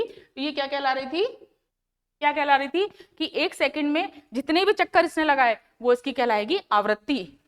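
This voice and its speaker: A woman science teacher with a North Indian, Hindi accent explains a lesson to schoolchildren in a high, slightly bright voice. She asks questions and answers them herself, repeating the key terms.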